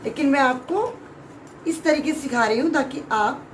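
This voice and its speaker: A woman teaching young children a grammar lesson, explaining slowly and clearly, stretching out sounds and often checking whether they have understood. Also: sits high, a little hiss or hum, low-quality recording. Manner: drawn-out sounds, frequent check-in questions. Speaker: Hindi teacher.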